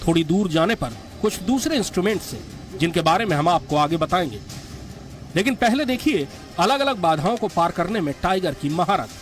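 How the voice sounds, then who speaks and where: A man narrates a documentary from a script. His voice sits somewhat high for a man, with soft music playing behind him. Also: lively intonation, moderate pace.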